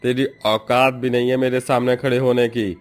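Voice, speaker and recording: A man's voice: medium pitch, level tone, moderate pace, soft background music, voice pushed up, close to an everyday voice. A man voicing a scheming office manager who mockingly gloats over his boss. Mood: gloating. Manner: mocking, taunting laughter.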